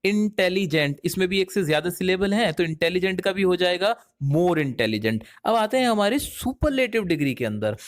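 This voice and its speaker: A man teaching an English grammar lesson, lively, asking questions and answering them himself, explaining slowly with playful little stories. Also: high voice. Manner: lively, asks and answers his own questions.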